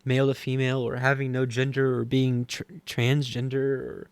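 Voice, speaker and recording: Earnest, gravelly-voiced male Bible teacher. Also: mid-range voice, completely flat delivery. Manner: earnest, halting, many restarts; easily moved, voice swelling with feeling. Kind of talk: scripture reading and heartfelt teaching.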